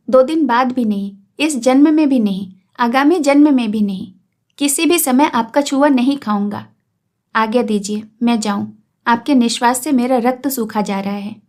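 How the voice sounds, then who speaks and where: Brief: a woman reading a steady, stern young man refusing flatly, high-voiced. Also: lightly acted. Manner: even, measured, firm. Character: calm, proud young man refusing firmly.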